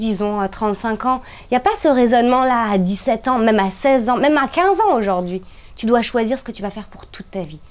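Here a French woman chats in a casual interview setting, her delivery animated and forceful, with her voice sweeping up and down to stress each point.

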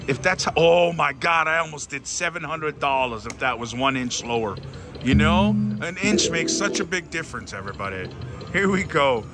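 Male gambling vlogger, higher-pitched and swooping, theatrical casual commentary with pleading repeats, clear machine music behind. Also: animated, normal speed. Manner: theatrical, addresses viewers, repeats phrases pleadingly. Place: busy casino floor at a slot machine. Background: slot machine music.

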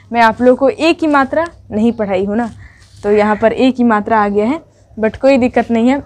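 A woman's voice: on the high side, a little mellow, a little hiss or hum. A woman teaching a beginners' Urdu writing lesson step by step, patiently explaining each stroke and correcting herself as she goes.

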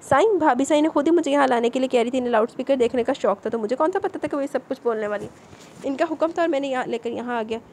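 A woman's voice: high-pitched, a little mellow, a little hiss or hum, pitched above the performer's own voice. A woman voicing a humble apologetic servant man. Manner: apologetic, deferential. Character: humble male servant excusing himself.

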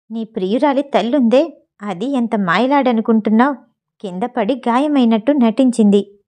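A woman voicing a furious, scheming wealthy mother in an audio story, talking in quick, heated bursts. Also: a little high, darkish tone, natural voice.

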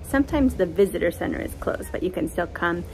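A woman's voice: lowish voice, lively intonation, brisk, a little mellow, poor audio. Middle-aged woman, travel vlogger, chatty and upbeat, light background noise. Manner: chatty, upbeat, explains as she goes. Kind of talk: casual travel narration.

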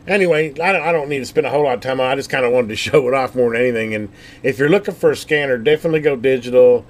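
Rapid-fire in a mid-range voice, a man demonstrates scanner gear off the cuff, rambling and folksy while working things out aloud in his product overview.

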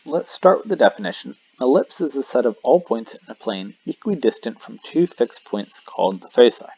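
A man's voice: mid-range voice, sing-song, brisk, a little mellow, slightly rough. A man teaching a math lesson, explaining casually, correcting himself with frequent "uh" fillers as he draws. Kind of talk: recorded math lesson at a whiteboard. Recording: dry, slightly dull lo-fi mic.

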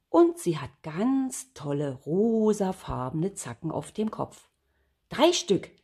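An older woman, a grandmother, reading a children's storybook aloud in a gentle, expressive way. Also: low-pitched, slightly rough.

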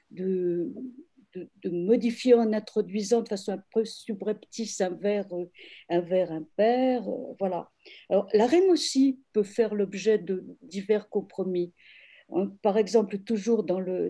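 On a video call, a woman takes part in an online panel and discusses her work translating literature. She speaks in a mellow, mid-range voice, reflectively and hesitantly, with frequent pauses and restarts.

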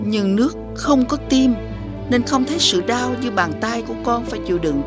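A wise, stern old fairy woman from a cartoon fairy tale, voiced by a woman. She speaks in solemn, earnest warnings, her voice slightly high. Music plays clearly behind her. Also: expressive, normal speed, lightly acted. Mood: gentle. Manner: solemn, earnest warnings, rising urgency on key orders. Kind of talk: dubbed cartoon acting. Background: background music.

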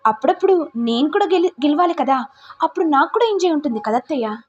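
A woman's voice: high voice, lively intonation, fast talker, highs cut off, pitched above the performer's own voice. A woman voicing a scheming young woman who taunts her mother-in-law and sister-in-law with gloating, mocking talk, in a retold family serial.

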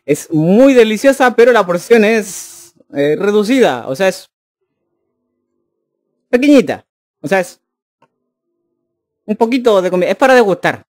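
A man's voice: high voice, sing-song, unhurried, long pauses, darkish tone, no room sound, soft background music. A man, a streamer joking and chatting casually with his live chat. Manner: joking, teasing, addressing chat directly.

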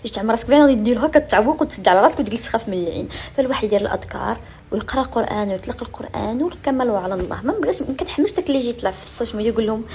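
A young Moroccan-accented woman talks to her followers at a breakneck clip, her voice sitting a little high. She is chatty and confiding with a gossipy streak, speaking into a phone held close at home over a faint room hum. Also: expressive, racing, darkish tone. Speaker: lifestyle vlogger. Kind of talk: casual chat to followers.

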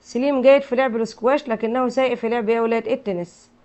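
A woman's voice: on the high side, steady tone, rapid-fire, a little mellow. A woman with an Egyptian Arabic accent teaching English to children. She repeats every word several times in drills and quizzes the kids. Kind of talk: classroom lesson with drilled repetition. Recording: muffled lo-fi recording.

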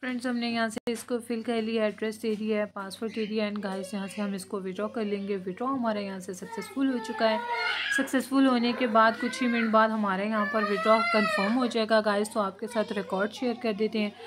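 A woman hosting her channel, narrating a screen-recorded app walkthrough in a flat, repetitive way from the region when she uses words. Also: a little high, a little fast, noisy background. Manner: flat, repetitive, with frequent fillers like guys and friends. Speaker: YouTube channel host.

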